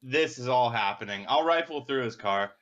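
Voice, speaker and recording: A man's voice: medium pitch, expressive, moderate pace, a bit bright. A man playing a tabletop game, talking casually and joking. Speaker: player. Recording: dull lo-fi mic.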